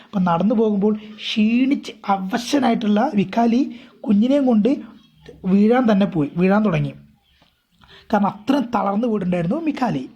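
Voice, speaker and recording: A woman teacher with a Kerala accent explains an English story, reading lines slowly and then rephrasing them again and again. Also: mid-range voice, expressive, dark tone, husky. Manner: repeats and rephrases often. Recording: dull lo-fi recording.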